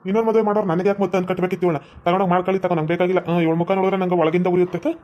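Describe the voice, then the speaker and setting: A man's voice: high voice, flat delivery, very fast, lo-fi sound, natural voice. A man voicing a resentful young husband in a cartoon comedy, grumbling in a North Karnataka Kannada accent.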